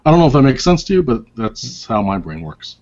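Rambling through a casual conversation, this interview guest uses many fillers and restarts and pokes fun at himself with wry humor. He speaks a little fast in a very animated, mid-range, slightly mellow voice, recorded as dull lo-fi audio.

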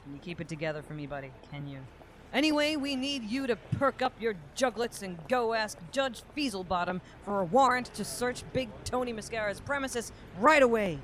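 A woman's voice: fairly high pitch, lively intonation, brisk, a bit bright. Woman voicing a blustering Aussie female chief, overwrought cop-show delivery, faint room hiss. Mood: melodramatic. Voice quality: melodramatic, swears "god damn it" often. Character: Zoe, bossy hardboiled female police chief. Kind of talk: improvised comedy radio drama.

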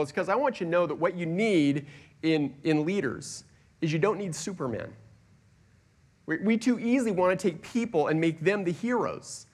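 A pastor delivering a sermon in a church, earnest and deliberate, slowing down to stress key words and swinging between soft and loud. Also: male voice, fairly high pitch. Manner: earnest, with slow deliberate emphasis and swings in loudness. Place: church sanctuary.

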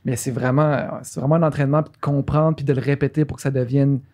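A man's voice: mid-range voice, fast talker. A man with a Quebec French accent hosting a podcast, talking casually and animatedly, saying "tu sais" again and again. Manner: animated, repeats tu sais a lot. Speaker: podcast host. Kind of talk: casual chat.

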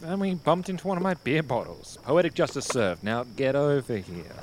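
Man doing a joking tipsy teen boyfriend, lively pitch, noisy audio. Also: moderate pace, natural voice.

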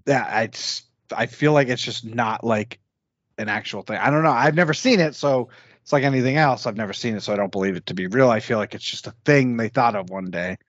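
A man's voice: medium pitch, a little fast, dry recording, highs cut off. A man co-hosting a podcast in casual chat, rambling with lots of "like" fillers. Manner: rambling, heavy use of "like". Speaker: podcast co-host.

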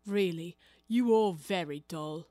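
A woman voicing a mournful, self-pitying Mock Turtle who speaks slowly and softly with sighs. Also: fairly low pitch, dry recording, clean studio sound, voice pushed down. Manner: slow, sighing, hushed.

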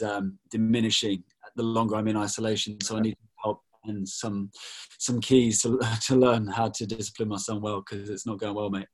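British pastor in his thirties, relaxed and jokey, video call. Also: on the low side, low-quality recording. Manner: relaxed, jokey, keeps saying mate. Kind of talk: casual video call interview.

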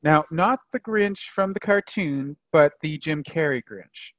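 Higher-voiced man telling jokey stories, dry sound. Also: measured pace, no echo. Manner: animated storyteller, jokey. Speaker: podcast guest, microbiology expert. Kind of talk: casual anecdotal chat.

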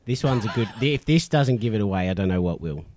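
A man's voice: on the low side, animated, fast, darkish tone. An Australian man bantering casually as a sports podcast co-host in a cheeky, teasing way.

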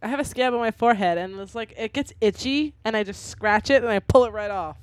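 A woman of thirty co-hosting a podcast in casual chat, playful, sarcastic and quick to swear. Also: on the high side, no echo. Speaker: podcast co-host.

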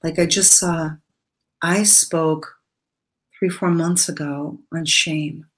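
Low-voiced woman telling a heartfelt story. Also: steady tone, slow pace, low-quality recording. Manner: earnest, emotional storytelling with many fillers. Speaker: guest speaker. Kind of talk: storytelling in an interview.

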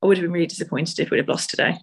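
A woman's voice: on the low side, fairly even intonation, rapid-fire, vocal fry, husky. Chatty woman. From Essex, England. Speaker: podcast co-host. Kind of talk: casual sports discussion.

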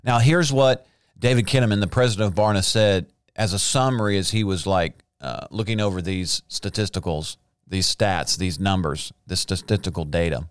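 Brief: lowish, smooth-voiced man, earnest devotional talk, dry close sound. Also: normal speed, dry recording. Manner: earnest, conversational, reads statistics aloud.

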